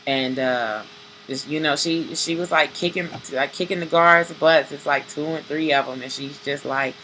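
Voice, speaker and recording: A woman's voice: deep voice, moderate pace, fairly bright tone, a little hiss or hum, low-quality recording. A woman giving a casual, rambling spoken review of a comic book, with many fillers and restarts.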